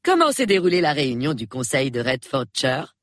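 A man voicing a brisk, sharp-eyed middle-aged woman in an audiobook, in a raised, pointed voice. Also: huge pitch swings, no echo, clean studio sound. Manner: bright, pointed, high-pitched. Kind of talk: audiobook character voice.

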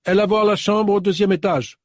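A man doing a halting foreign-accented woman. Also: sits high, no echo, studio quality, voice pushed up. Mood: puzzled. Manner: broken, halting speech. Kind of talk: audiobook character voice.

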